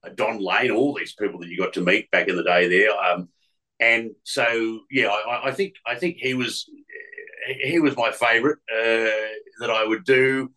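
Bright-voiced Australian radio man. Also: lowish voice, fairly even intonation, normal speed, poor audio. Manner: chatty storyteller, slips into impressions, frequent restarts. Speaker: radio announcer and voice artist. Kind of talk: casual anecdotal interview.

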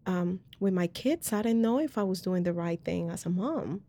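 A woman from Colombia hosts a podcast in a lowish, warm and animated voice at normal speed. Chatting casually, she shares her faith testimony in an earnest, rambling way packed with fillers.

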